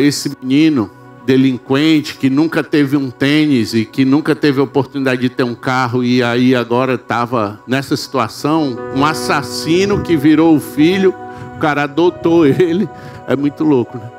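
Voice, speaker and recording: A man's voice: mid-range voice, normal speed, soft background music. A man with a Brazilian Portuguese accent, preaching a sermon and telling a story in a dramatic, emotional way.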